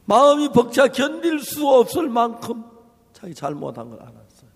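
A male preacher telling a story in a sermon, acting out the people in it and moving between hushed and raised voice. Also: extremely high pitch, very animated, normal speed, breathy edge. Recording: long hall reverb.

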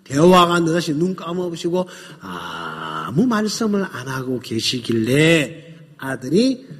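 Animated male storyteller in a hall. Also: fairly high pitch, slightly rough. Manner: animated, drawn-out, addressing listeners. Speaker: speaker. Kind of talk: storytelling talk to an audience.

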